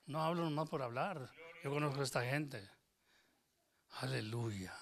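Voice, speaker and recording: Gravelly bilingual preacher man. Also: medium pitch, measured pace, a bit bright. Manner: switches into English phrases, jokes with congregation. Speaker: pastor. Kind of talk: informal sermon.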